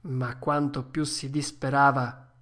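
A woman narrating a classic children's story in a measured, expressive way. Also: very deep voice, heavy background noise. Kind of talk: storybook reading.

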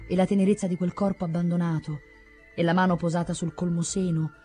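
A woman narrating an audiobook story in a measured, dramatic way. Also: on the low side, level tone, mellow, faint music behind.

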